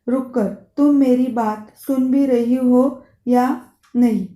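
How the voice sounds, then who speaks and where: A woman's voice: fairly high pitch, fairly even intonation, slow pace, mellow. A woman voicing a stern, stingy male house master who scolds and counts off deductions, in an echoey room. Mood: scolding.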